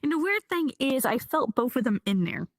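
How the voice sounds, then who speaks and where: A woman's voice: sits high, sing-song, moderate pace, no room sound. A woman chatting casually during a roleplay game, rambling with lots of fillers and restarts. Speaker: roleplay streamer.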